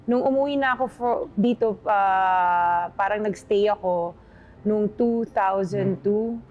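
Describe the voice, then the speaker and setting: A woman in her forties, raised in the Philippines and the UK, answering interview questions politely and telling her story softly. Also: mid-range voice, takes it slowly, phone-quality sound. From Philippines, raised partly in the UK. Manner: polite, soft-spoken storytelling with respectful replies. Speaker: interview guest. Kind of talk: casual chat interview.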